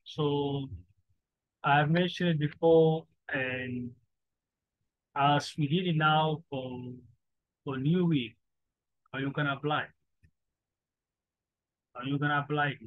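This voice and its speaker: Somali is the first language of this forex trading teacher, whose slightly high voice holds a steady tone. Halting and repetitive, he talks through an informal lesson in broken English on a dry, dull-sounding lo-fi recording.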